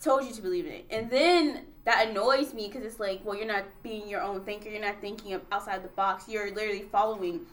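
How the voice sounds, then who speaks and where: A woman co-hosting a podcast in casual chat, lively and acting out quoted dialogue. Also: medium pitch, fairly quick, hardly any pauses. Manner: animated, acts out quoted dialogue. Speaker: podcast co-host.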